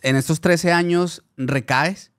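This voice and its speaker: A man interviewing a guest, asking halting questions with many restarts. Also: on the high side, a bit bright, clear, resonant tone.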